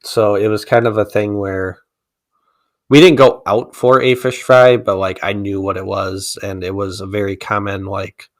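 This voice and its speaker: Relaxed man from Wisconsin chatting. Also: on the low side, normal speed, no room sound. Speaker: co-host. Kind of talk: casual chat.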